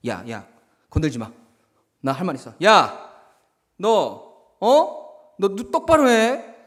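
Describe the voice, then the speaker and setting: A teenage bully full of empty bluster and threats, put on by a man in a sermon. His voice sits high and jumps all over the place as he swaggers and menaces. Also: huge pitch swings, takes it slowly, exaggerated voice. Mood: angry bluster. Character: blustering teenage schoolboy bully, proud and insecure.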